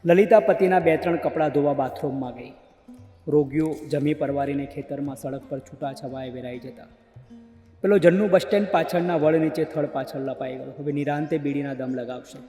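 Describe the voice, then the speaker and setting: A man narrating a novel as an audiobook in a measured, literary reading style. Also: a little high, dark tone. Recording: echoey hall with faint music.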